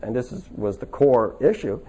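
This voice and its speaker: A man's voice: mid-range voice, big pitch swings, normal speed, mellow, husky. A man teaching a stress workshop to a live audience in a casual, chatty way, telling stories and checking that his listeners follow. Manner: chatty, anecdotal, asks the audience for agreement. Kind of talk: casual live seminar talk. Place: seminar room with a live audience.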